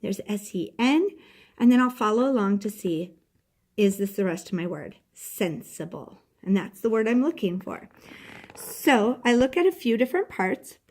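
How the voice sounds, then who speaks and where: A woman's voice: mid-range voice, lively intonation, moderate pace, a little mellow. A woman teacher giving a patient classroom lesson, spelling out words letter by letter as she explains a step.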